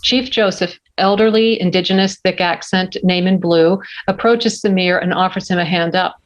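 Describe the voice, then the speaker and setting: Reading stage directions aloud during a table read, this woman narrates from the script in a fairly low, fairly even voice at a moderate pace, captured in slightly dull lo-fi sound.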